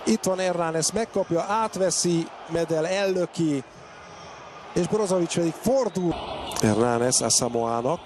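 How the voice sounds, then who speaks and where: An excited male football commentator with a fairly high voice. He makes clipped, urgent calls of players that leap up at every chance, over clearly noisy broadcast sound.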